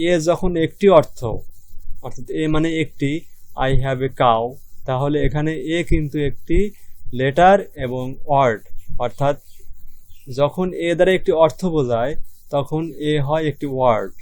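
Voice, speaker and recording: A man's voice: on the high side, a little mellow. Patient Bangladeshi man teaching grammar. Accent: Bangladeshi Bengali. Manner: explains patiently, repeats definitions, syllable-splits words slowly. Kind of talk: online grammar lesson.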